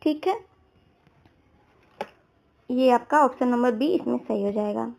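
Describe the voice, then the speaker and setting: A woman's voice: a little high, a little slow, vocal fry, mellow. A woman teaching exam prep, talking through answer options, often checking understanding with everyday examples. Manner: repeats "theek hai" to check understanding. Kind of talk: explaining exam questions.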